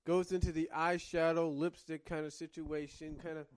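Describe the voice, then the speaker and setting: A man's voice: a little high, flat delivery, moderate pace, smooth, no room sound. A man reviewing cartoons in casual commentary, rambling and circling back to rephrase, coughing now and then with a cough drop in his mouth.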